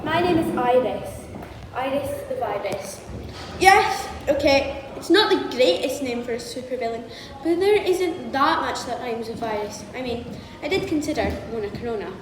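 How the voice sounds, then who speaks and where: A woman's voice: high-pitched, expressive, moderate pace. A woman voicing Iris the Virus, a boastful, theatrical female supervillain who is not human, delivered in a hammy, mock-menacing way with cackles. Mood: gloating. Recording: echoey hall, noisy room.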